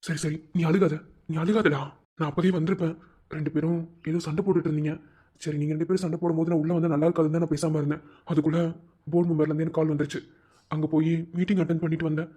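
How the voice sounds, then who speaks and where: A man voicing a caring middle-aged father in a cartoon drama, speaking in a steady, soothing, reassuring way. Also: on the high side, racing, husky.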